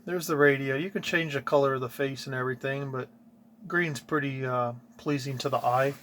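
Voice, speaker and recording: A man with a medium-pitched, slightly bright voice talks a little fast in a fairly even tone. He's a DIY hobbyist casually walking through his own install, pointing things out informally as he goes. Noticeable ambient noise sits in the background.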